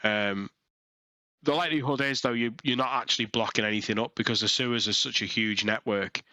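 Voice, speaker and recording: Bright, crisp man as game master. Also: medium pitch, fairly even intonation, dry recording. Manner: halting narration with many fillers and restarts. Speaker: dungeon master. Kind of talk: narrating a tabletop game over voice chat. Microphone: headset.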